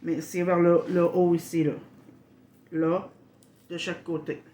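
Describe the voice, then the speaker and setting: A woman from Quebec with a Québécois accent, hosting a casual unboxing vlog, halting and apologetic, full of fillers and restarts. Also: fairly low pitch, level tone, warm tone. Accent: Québécois French. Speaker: channel host.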